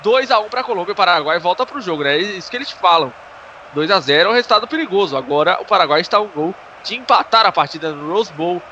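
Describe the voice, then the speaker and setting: A man's voice: high voice, animated, fast talker, pushed and bright. A Brazilian man giving live football analysis as a co-commentator, explaining plays and often adding little checking tags. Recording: dull noisy sports broadcast.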